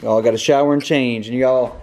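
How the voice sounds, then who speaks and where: A man's voice: mid-range voice, steady tone, moderate pace. A man and father chatting casually and teasing his family on a home vlog. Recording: roomy home video with loud background noise.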